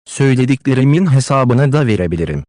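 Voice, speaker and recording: A man voicing a stiff, cautious middle-aged gentleman who speaks formally and hesitantly, in a dry close-miked audiobook read. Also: medium pitch, animated, quick pace, dry recording, close to an everyday voice. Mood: uneasy.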